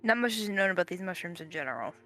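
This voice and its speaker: A woman narrating as game master in a tabletop game, hesitant and quick to laugh, often restarting her sentences. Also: lowish voice, lively intonation, sharp tone, soft background music.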